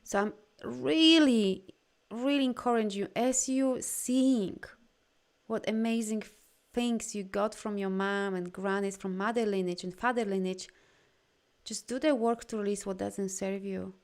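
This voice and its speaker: An unhurried, darkish medium-pitched female voice with fairly even intonation. The speaker, a coach who isn't a native English speaker, runs a live energy healing session, addressing viewers informally, effusively encouraging them and regularly reading their comments.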